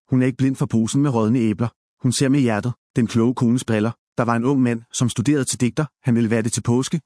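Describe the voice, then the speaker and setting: A man, apparently a pastor, giving a measured talk with wry asides and quoted stories. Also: mid-range voice, a little mellow, no echo, clean studio sound. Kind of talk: reflective talk with read-out quotes.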